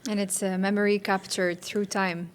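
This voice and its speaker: A woman hosting a podcast interview, listening attentively with brief affirmations and asking clear questions. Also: mid-range voice, little pitch movement, normal speed. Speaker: podcast host.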